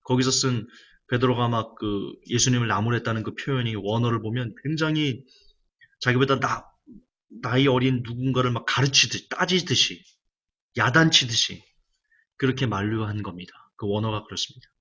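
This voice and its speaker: Husky-voiced preacher, emphatic and repetitive. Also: male voice, medium pitch, moderate pace, fairly bright tone, highs cut off. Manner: emphatic preaching, repeats key phrases. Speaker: pastor. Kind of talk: sermon.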